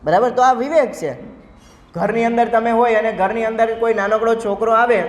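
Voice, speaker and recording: A man's voice: very high-pitched, steady tone, moderate pace. A man giving a devotional sermon in a large hall, speaking in a conversational, explanatory way and telling stories. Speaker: preacher. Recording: echoey hall reverb.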